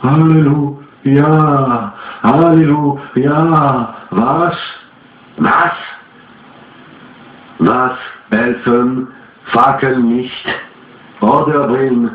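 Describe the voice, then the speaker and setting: A man voicing an eerie spirit owl that chants slowly and drags its words. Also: medium pitch, voice pushed up. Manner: slow, drawn-out chanting. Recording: tinny lo-fi, roomy echo.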